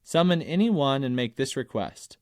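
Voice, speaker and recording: A man narrating an essay audiobook in a measured, emphatic reading that slows on key phrases. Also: mid-range voice, animated, no room sound, studio quality.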